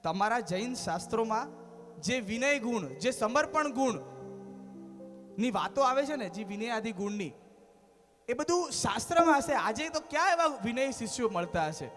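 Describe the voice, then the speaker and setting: A man's voice: very high-pitched, expressive, unhurried, fairly bright tone, long reverb tail, heavily acted. A man voicing a learned, skeptical male scholar in a retold story, asking doubtful questions. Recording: music playing clearly behind.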